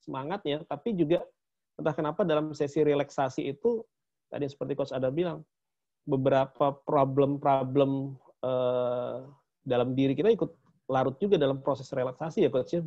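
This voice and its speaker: A man's voice: mid-range voice, moderate pace, dark tone. A man co-hosting a casual promotional chat about a training, chatty and laughing often. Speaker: co-host of a training talk. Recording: dull lo-fi sound.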